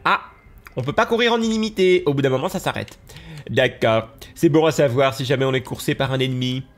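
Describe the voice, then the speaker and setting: A young man with a nasal, stuffy voice giving excitable let's-play commentary over a game, gasping and exclaiming as he goes. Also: medium pitch, brisk. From France. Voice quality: nasal from allergies. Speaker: gaming YouTuber.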